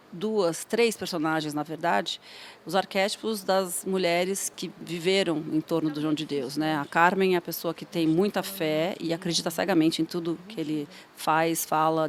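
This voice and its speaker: Woman explaining thoughtfully, faint hiss. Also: on the low side. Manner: reflective, measured, with hesitant restarts. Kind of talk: behind-the-scenes interview.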